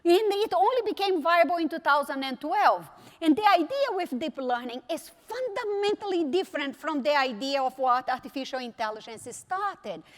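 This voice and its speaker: A Brazilian woman with a Brazilian Portuguese accent delivers a conference keynote as a technology executive, her high-pitched, expressive voice moving at a moderate pace. She sprinkles in wry asides and emphatic repetition, and the large conference hall gives the recording a reverberant sound.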